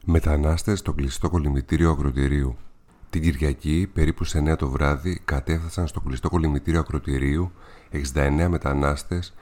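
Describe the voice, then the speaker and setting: A man with a Greek accent reading a local news bulletin on community radio in a steady, plain way. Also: very deep voice.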